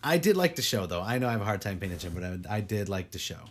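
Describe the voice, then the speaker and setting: A man's voice: lowish voice, big pitch swings, rapid-fire, loud music behind the voice. A man hosting a podcast in casual chat, rambling with lots of "like" and frequent swearing. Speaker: podcast host.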